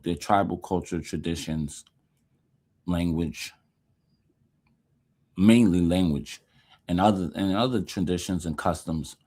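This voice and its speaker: A man with a deep, low voice, talking through a casual reaction commentary. He is loose and conversational, dismissive of what he hears, with filler words and restarts. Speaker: host.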